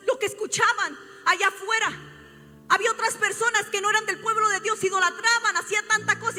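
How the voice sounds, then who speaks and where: Woman preacher, very high and piercing, fervent sermon, echoing church hall, faint music under her. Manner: fervent preaching, often rising to shouts. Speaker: prophet and pastor. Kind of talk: impassioned sermon. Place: church sanctuary.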